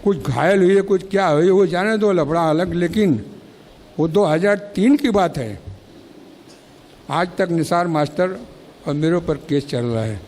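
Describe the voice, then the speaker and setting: A man's voice: sits high, animated, a little slow, darkish tone. A man giving a public speech at a ceremony in an auditorium, telling stories and acting out the exchanges he recounts. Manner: storytelling, acting out quoted exchanges. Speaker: speaker at a felicitation ceremony. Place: college auditorium. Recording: long reverb of an auditorium.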